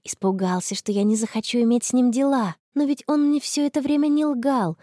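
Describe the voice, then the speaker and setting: A woman's voice: fairly high pitch, a little fast, mellow, no room sound, studio quality, pitched above the performer's own voice, close to an everyday voice. A woman voicing a cheerful, dreamy teenage girl in love, gushing as she talks.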